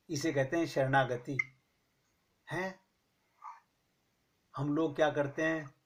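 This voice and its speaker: A man giving a slow, measured spiritual discourse to a gathering, stressing his points with rhetorical questions. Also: fairly high pitch. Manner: recites verse slowly. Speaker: spiritual teacher. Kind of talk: Hindi satsang discourse.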